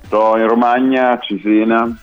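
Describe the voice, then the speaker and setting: A man's voice: medium pitch, flat delivery, measured pace, smooth, faint music behind. A man speaking over a phone line from his home kitchen, a musician guest talking in a hesitant way with many fillers. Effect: heard over a phone line. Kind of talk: casual interview chat.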